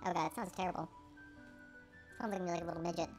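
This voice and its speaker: A man talking through a voice changer that morphs his voice higher and garbles it, in casual, self-mocking gameplay commentary. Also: flat delivery, fast, faint music behind. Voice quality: garbled, gravelly warble from the voice changer. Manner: chatty, self-mocking, thinks aloud. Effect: voice changer shifting his voice higher and morphing it. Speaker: gamer streaming gameplay.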